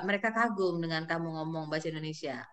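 A woman's voice: sits low, fast. A woman hosting a casual interview, teasing her guest and laughing easily. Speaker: host.

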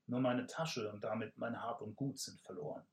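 A man's voice: medium pitch, fairly even intonation, normal speed, natural voice. A man voicing a polite, cautious young male wanderer. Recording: roomy echo.

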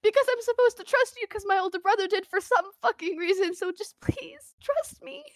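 A woman's voice: high-pitched, moderate pace, fairly bright tone, dry recording. A woman playing a scared, desperate teenage girl who pleads raw and swears. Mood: pleading. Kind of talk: tabletop role-play.

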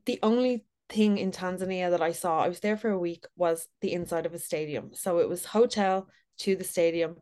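A woman's voice: lowish voice, moderate pace, darkish tone. A woman podcast guest telling a travel story in an earnest way, with many fillers. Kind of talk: casual interview chat.

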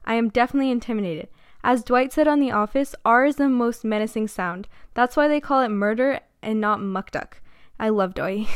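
A woman's voice: fairly high pitch, no echo, clean studio sound. A young woman giving a scripted talk about the year's news, adding wry, joking asides. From Pacific Northwest, US. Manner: wry, jokey asides between read points. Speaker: presenter.

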